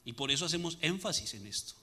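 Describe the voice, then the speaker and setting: A man's voice: on the high side, expressive, fast, bright, forceful tone, husky. A man preaching a sermon as pastor, asking the congregation rhetorical questions and answering them. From Latin America.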